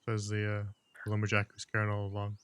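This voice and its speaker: A man acting as game master, narrating a tabletop fantasy game in a halting, casual, improvised way. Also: on the low side, completely flat delivery, a bit bright, smooth, no echo.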